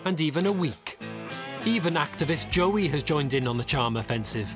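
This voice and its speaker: A man's voice: on the high side, lively intonation, moderate pace. A man reading scripted documentary narration. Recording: music bed under narration. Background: music.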